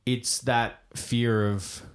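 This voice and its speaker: A man's voice: mid-range voice, flat delivery, smooth. A man co-hosting a podcast, giving blunt, opinionated takes in casual chat and swearing freely. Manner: swearing, opinionated, quick to joke. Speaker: podcast co-host.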